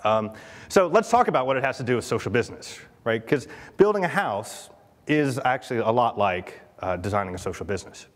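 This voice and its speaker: A man's voice: mid-range voice, lively intonation, brisk. Chatty man giving a keynote in a hall. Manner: chatty, asks the audience questions, many fillers. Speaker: conference speaker. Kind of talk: conference keynote talk. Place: large conference hall. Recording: long hall reverb.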